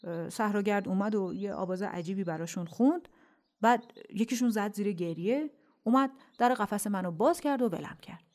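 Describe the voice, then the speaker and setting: A woman voicing a shy, plain-spoken sand fox in a children's audio story, speaking softly and hesitantly. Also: medium pitch, close to an everyday voice. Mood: awkward.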